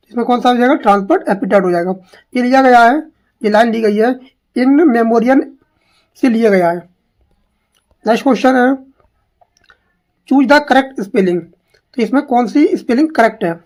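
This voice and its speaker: Woman, fairly high voice, exam-prep teacher; reads questions out slowly, explains fast, repeats the answers. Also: a little mellow. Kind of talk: exam practice lesson.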